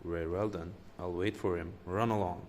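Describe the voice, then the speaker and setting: A man doing a storybook troll, low, booming, greedy, menacing, echoey room. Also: steady tone, normal speed, a little hiss or hum, natural voice. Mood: gloating. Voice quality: loud and booming. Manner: menacing, gloating. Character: big greedy loud male troll under a bridge.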